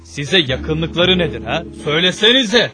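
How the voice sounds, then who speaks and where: A man's voice: fairly high pitch, very animated, moderate pace. An actor playing a distrustful, insistent man in a historical drama, challenging others and demanding proof, over music. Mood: accusing. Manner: accusing, challenging. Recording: music behind the voice.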